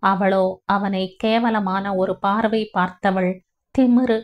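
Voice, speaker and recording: A woman storyteller giving a steady, measured scripted reading of a family novel. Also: medium pitch. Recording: dull lo-fi audio.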